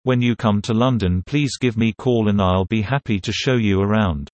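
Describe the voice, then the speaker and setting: A man reading short translated phrases for a language lesson in a measured, clear way. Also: lowish voice, no room sound, dull audio. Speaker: phrase reader.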